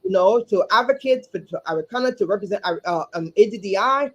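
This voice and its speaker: Earnest woman with halting speech. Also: mid-range voice, lively intonation, dull audio. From Liberia. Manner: earnest, repeats words, many halting fillers. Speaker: guest, community advocate and chapter chair. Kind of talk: livestream interview. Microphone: video call.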